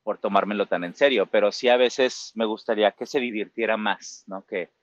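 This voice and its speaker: A man's voice: lowish voice, fairly even intonation, moderate pace, no echo, highs cut off. A Mexican man in his forties with a Mexican Spanish accent, a musical theater performer talking reflectively in an interview, full of fillers and tag questions. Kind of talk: casual interview talk.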